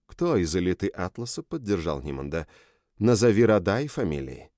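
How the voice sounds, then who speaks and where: A man's voice: low voice, big pitch swings, normal speed, a little mellow, no echo, clean studio sound. A man voicing a stern commander who interrogates a prisoner directly.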